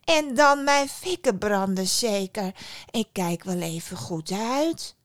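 A woman's voice: mid-range voice, animated, slow pace, no echo, clean studio sound. A woman voicing a lazy, spoiled girl in a storybook tale, talking back in a sulky, cheeky, dismissive way.

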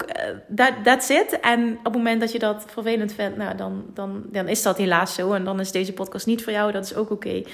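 A woman from Limburg with a thick Limburg Dutch accent, co-hosting a casual, unedited podcast, chatty and quick to laugh, slipping in English phrases. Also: a little high. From Limburg, Netherlands. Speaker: podcast co-host.

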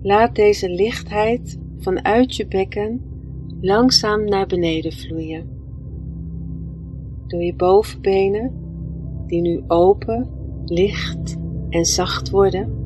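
A woman leading a guided meditation in a soft, soothing, gentle voice, leaving long pauses between phrases. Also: medium pitch. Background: music.

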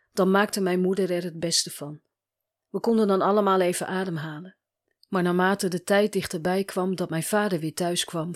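A woman voicing Sam, a tired and guarded woman who speaks quietly and haltingly as she opens up about her past in a spoken story. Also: mid-range voice, lightly acted. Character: weary, guarded woman opening up in therapy.

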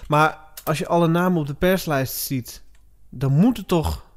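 A man's voice: fairly high pitch, moderate pace. Agreeable podcast co-host, man. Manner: chimes in with short agreeing remarks. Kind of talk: casual podcast chat.

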